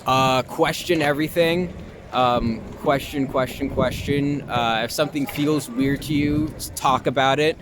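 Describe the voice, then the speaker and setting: On a noisy city street with traffic and crowd sounds, a young adult actor and filmmaker from Long Island chats informally with an interviewer, easing his way through his replies. His voice is medium in pitch, fairly even in intonation, and a touch slow.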